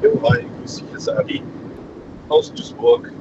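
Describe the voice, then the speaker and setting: A man calling into a show from a car hands-free speakerphone while driving, calmly explaining his ideas with technology comparisons. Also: normal speed. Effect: car hands-free speakerphone on a phone line. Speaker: caller. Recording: muffled lo-fi car phone line with faint road noise.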